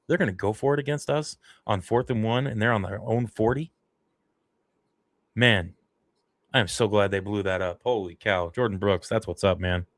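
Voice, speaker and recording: Excitable male fan commentating a game. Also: lowish voice, no echo, studio quality. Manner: excitable, emotional fan reactions. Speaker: fan livestream host. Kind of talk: casual play-by-play commentary.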